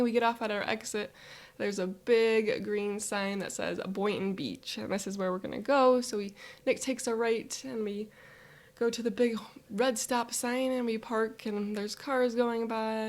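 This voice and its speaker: A woman with a middle-pitched voice leads a guided visualization. She walks through a first-person scene in the present tense, upbeat and vivid, lingering on small details without rushing.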